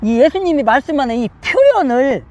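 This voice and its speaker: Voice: high-pitched, big pitch swings, moderate pace, a little mellow. A Korean Bible study teacher lecturing emphatically, repeating phrases and asking the listeners many rhetorical questions.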